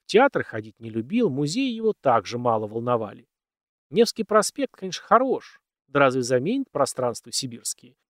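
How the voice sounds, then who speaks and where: A man narrating a story in an expressive, folksy storytelling manner. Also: medium pitch, moderate pace, no room sound, clean studio sound.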